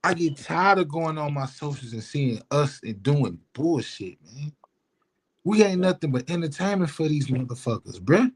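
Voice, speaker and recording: A man's voice: a little high, animated, moderate pace, breathy edge. A man co-hosting a podcast, talking passionately and with plenty of profanity, filling his lines with "man" and "bruh". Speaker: podcast co-host. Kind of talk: casual podcast chat.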